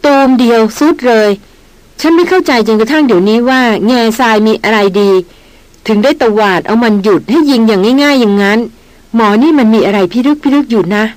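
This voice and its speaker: A woman's voice: on the high side, fairly quick, dry recording, lightly acted, poor audio. Amazed, eager male expedition member in an audiobook, read by a woman.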